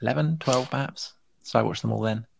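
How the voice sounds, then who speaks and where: A gravelly, husky voice of medium pitch belongs to a middle-aged man co-hosting a podcast, and he talks a little fast. In the relaxed conversation he hesitates, goes back over what he's said, and keeps things dryly understated.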